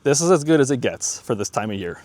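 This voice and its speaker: A man narrates his outdoor photography trip with easy, upbeat enthusiasm, talking casually while he works. He sits at a mid pitch and is recorded out in a mountain forest on a camera mic. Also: very animated, fast talker, a little mellow. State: out of breath. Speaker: landscape photographer.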